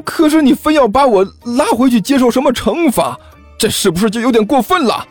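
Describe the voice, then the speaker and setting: A man voicing a cheeky male student who loudly plays innocent and protests. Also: sits high, huge pitch swings, normal speed, no room sound, soft background music, pitched above the performer's own voice, exaggerated voice. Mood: indignant.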